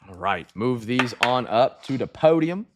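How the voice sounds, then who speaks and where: A man hosting a live trading card break, rattling off player names with excited bursts. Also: mid-range voice, unhurried, background noise.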